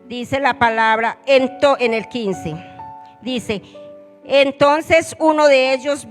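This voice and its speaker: A woman's voice: high-pitched, big-room sound. A woman church leader preaching a fervent sermon and putting questions to the congregation.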